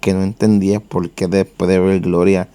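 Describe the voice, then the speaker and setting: A man hosting a faith interview, asking calm questions and giving short affirmations. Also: sits low, moderate pace, clean tone, no room sound. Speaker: interview host.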